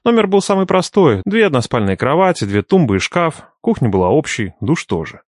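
A male audiobook narrator reads in the first person with a playful, teasing edge. His pitch moves freely through the lines, and the sound is dry and close. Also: sing-song, brisk, dry recording.

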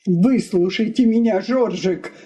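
A woman's voice: mid-range voice, a little slow, mellow, breathy edge. Woman reading a blustering, exasperated husband. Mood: pleading. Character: exasperated quarrelsome middle-aged husband.

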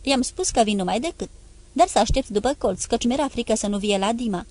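A woman's voice: a little high, darkish tone, no room sound. A woman reading a novel aloud in the first person, in a conversational, confiding storytelling manner. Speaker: audiobook reader.

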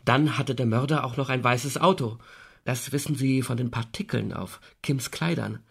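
In a radio drama, an actor plays an earnest, troubled man who is under suspicion. His husky voice has medium pitch and a fairly bright tone, delivered insistently at normal speed.

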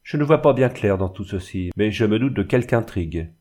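A man's voice: fairly low pitch, animated, fairly quick, a little mellow, breathy edge. A man reading aloud, voicing a cold, severe widow who speaks with raised, haughty firmness.

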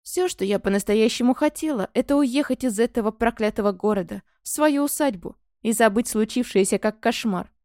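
A woman narrating a fantasy audiobook in the first person, expressive and scripted, on a close microphone. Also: on the high side, a little fast, few pauses, no room sound.

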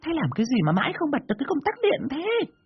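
A man voicing a frantic middle-aged village wife who scolds and wails in a high shrieking falsetto. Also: wildly swooping pitch, rapid-fire, lo-fi sound, heavily acted. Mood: scolding.

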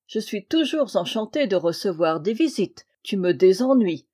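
A bored, tight-fisted old landowner who needles his nephew in a dry, gruff way, read by a woman in an audiobook. The voice stays mellow and warm, raised a little when he scolds. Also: medium pitch, sing-song, moderate pace. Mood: dry teasing. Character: rich, stingy, bored older Russian landowner uncle. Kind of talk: audiobook reading.

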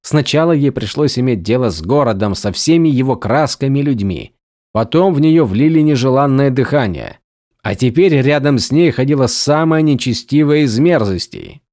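Мужчина читает фэнтези-роман как аудиокнигу, выразительно и драматично, близко к микрофону. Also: male voice, mid-range voice, moderate pace, no echo, studio quality. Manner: expressive, dramatic reading. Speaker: audiobook narrator. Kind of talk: scripted fantasy narration.

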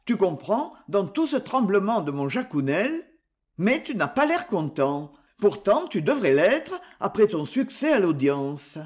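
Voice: mid-range voice, big pitch swings, a little slow. An audiobook reader voicing a sly, evasive old boatman who talks in a plaintive, wheedling way in a storybook reading.

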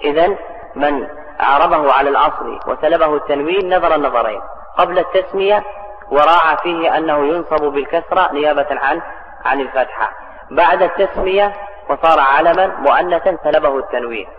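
Guy teaching grammar, drags out his examples, long echo, kinda muffled. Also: fairly high pitch. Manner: slow, repeats example phrases deliberately. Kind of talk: classical Arabic grammar lesson. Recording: dull recording in a reverberant hall.

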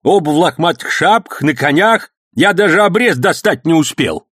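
A shrill, indignant old villager. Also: male voice, animated, moderate pace, a bit bright, breathy edge, no room sound, studio quality. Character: old village man, excitable, quarrelsome.

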